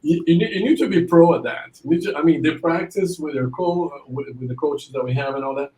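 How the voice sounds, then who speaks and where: A man's voice: on the high side, brisk, darkish tone, rough recording. A male admissions consultant, a podcast guest, giving advice in a rambling way, with frequent restarts and "you know"s.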